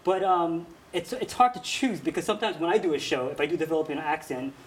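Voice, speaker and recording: A man's voice: on the high side, fast, poor audio. A man talking casually as a comedian guest on a studio talk show, chatty with lots of fillers. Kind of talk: casual chat.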